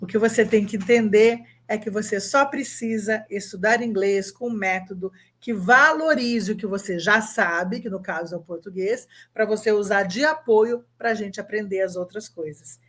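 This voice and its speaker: Brazilian woman, English teacher, online lesson, upbeat, drills and spells words slowly. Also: medium pitch. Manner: upbeat, coaxing, asks the viewer to answer.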